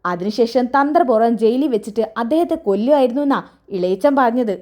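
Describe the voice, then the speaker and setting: A dutiful young husband explains matters calmly and patiently, as a woman narrator reads him. The voice stays close to her own, high and plain. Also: a little fast, natural voice.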